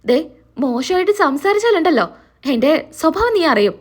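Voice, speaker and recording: A stern, scolding middle-aged husband from a retold TV serial drama, read out by a woman narrator. The delivery is indignant and sharp-edged. The voice sits high and moves a lot. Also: very animated, moderate pace.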